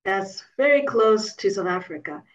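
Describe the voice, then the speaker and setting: A woman's voice: medium pitch, animated, normal speed. A woman from Zimbabwe speaks as a guest in a casual remote interview, reflective and chatty with plenty of fillers. Her voice sounds far from the mic. The call audio is dull and lo-fi.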